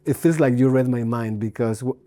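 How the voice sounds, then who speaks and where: A man hosting a casual interview, relaxed and asking short, direct questions. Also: mid-range voice, fairly quick, dry recording, soft background music. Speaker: host.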